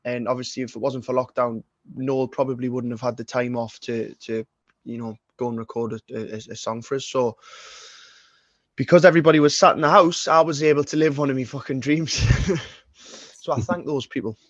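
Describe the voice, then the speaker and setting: A man's voice: mid-range voice, steady tone, a little fast, no room sound, lo-fi sound. A man in his twenties with a Geordie accent, a singer-songwriter talking as a podcast guest in a casual, rambling way, full of swearing and restarts. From Northeast England. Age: 20s.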